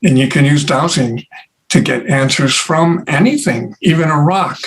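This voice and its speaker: A man who is an interview guest, telling stories in an unhurried way with many pauses and fillers. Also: a little high, low-quality recording. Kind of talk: casual conversation.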